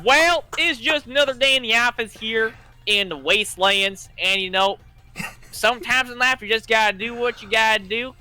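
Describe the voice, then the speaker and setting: A man's voice: very high voice, normal speed, sharp tone, smooth, heavily acted. A man voicing an easygoing rural country working man with a put-on country accent and repetitive folksy sayings. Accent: put-on rural American country.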